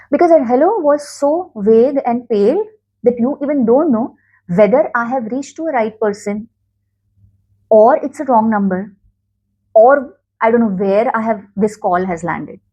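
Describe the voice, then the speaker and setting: A woman's voice: on the high side, warm tone, husky, poor audio. A young woman with an Indian accent, earnestly teaching workplace phone manners and acting out sample calls. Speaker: workplace trainer. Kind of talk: talking-head training talk.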